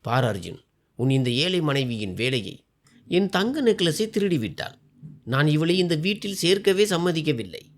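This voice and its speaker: A domineering older mother-in-law from a storybook drama, accusing and bossy, as read aloud by a man. The lines swing lively up and down in pitch. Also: moderate pace. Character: harsh scheming mother-in-law, older woman.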